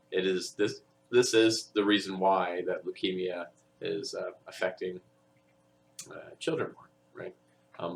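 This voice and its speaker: A man's voice: on the low side, creaky. A man giving a recorded audio lecture in a conversational way, with many fillers and tag questions.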